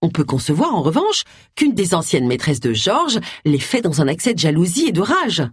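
A reader voicing a stubborn, sharp-minded middle-aged woman sleuth in an audiobook, thinking aloud with determination. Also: lowish voice, big pitch swings, normal speed, husky, dry recording, clean studio sound, exaggerated voice. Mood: reasoning.

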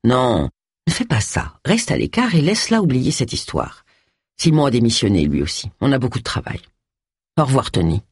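An audiobook narrator voicing a calm, blunt male colleague in a lowered voice. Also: breathy edge, no room sound, clean studio sound. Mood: reproachful. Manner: low, measured, blunt.

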